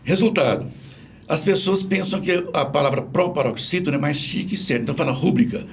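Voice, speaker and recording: A man's voice: on the high side, brisk, slight background noise. A man with a Brazilian accent, a language professor explaining things patiently in an interview. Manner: didactic, animated, spells out examples.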